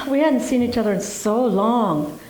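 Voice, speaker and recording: Reunited school friend played by a woman, soft giggly talk, roomy echo. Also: fairly high pitch, a little slow, close to an everyday voice. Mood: nostalgic. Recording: echoey room.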